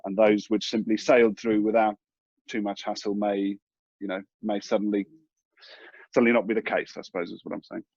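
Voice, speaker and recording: Male mortgage broker, low voice, hesitant and measured, dull dry lo-fi audio. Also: flat delivery, a little mellow, breathy edge, no room sound. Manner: hesitant, measured, many fillers. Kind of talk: casual advice talk.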